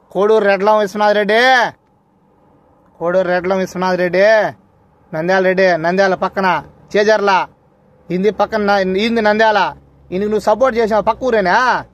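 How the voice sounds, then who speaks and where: A man lays out his case with fierce, repeated questions. His voice sits high for a man, and he keeps pressing the charge against an official. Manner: accusing and confrontational, hammering repeated questions. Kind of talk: impassioned address to a camera.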